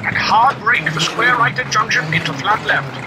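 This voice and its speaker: A man playing a rally co-driver in a racing game, calling rapid pace notes in clipped, terse directions. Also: high voice, expressive. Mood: brisk, focused. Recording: loud car engine noise over voice. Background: rally car engine and driving noise.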